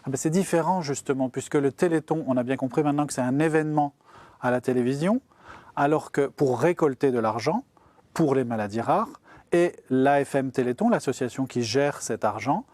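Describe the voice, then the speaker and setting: A man's voice: mid-range voice, fairly quick, a little mellow, no echo. A man, a guest expert, explaining science simply on a broadcast show, step by step in plain words, as if to a child.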